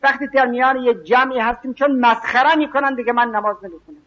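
A man's voice: very high-pitched, fairly even intonation, pitched above the performer's own voice. A man voicing a sheepish man who makes excuses for skipping prayer in front of other people. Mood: excuse-making. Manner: defensive, making excuses. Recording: dull lo-fi recording.

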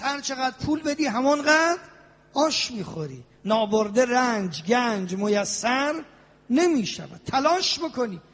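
A man preaching a sermon as a cleric, animated, with drawn-out invocations and sing-song passages. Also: extremely high pitch. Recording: long hall reverb.

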